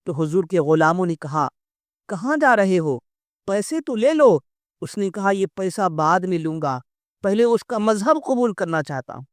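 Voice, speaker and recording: A man's voice: high-pitched, animated, no room sound, studio quality. A man giving a devotional storytelling speech, acting out the dialogue and reciting poetic couplets. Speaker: religious speaker.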